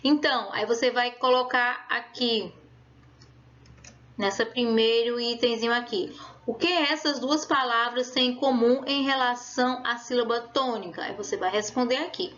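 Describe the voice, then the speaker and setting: A woman teaching a class at a distance, walking her pupils through each step and checking often that they follow. Her voice sits fairly high. The recording sounds dull and lo-fi. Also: moderate pace, a bit bright. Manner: explaining patiently, checking in with "certo?" and "tá?". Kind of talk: remote class lesson.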